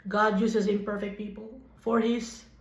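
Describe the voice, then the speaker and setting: Slow-paced Filipino woman teaching scripture. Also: medium pitch, little pitch movement. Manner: unhurried, mixes English and Tagalog, reads scripture aloud then paraphrases. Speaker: Bible teacher. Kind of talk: Bible study teaching, reading verses then explaining. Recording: dull, lo-fi recording in an echoey room.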